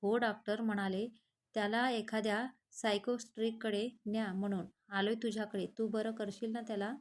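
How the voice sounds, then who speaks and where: A woman's voice: mid-range voice, flat delivery, normal speed, close to an everyday voice. A woman voicing a chatty young man who teases his friend, in a read-aloud storybook. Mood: earnest. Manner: teasing, chatty. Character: young man, lovestruck, pushy, joking friend.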